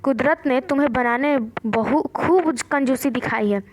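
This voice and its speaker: A woman's voice: high-pitched, measured pace. A woman reading the lines of a boastful male elephant who mocks a small bird, in a storybook lesson. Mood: boastful, mocking. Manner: mocking, boasting.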